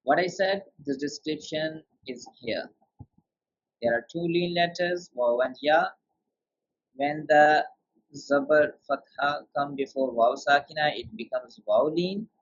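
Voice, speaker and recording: A man's voice: a little high, measured pace. A man teaching beginner Quran tajweed, explaining rules step by step and quizzing his student with questions. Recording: dull lo-fi sound.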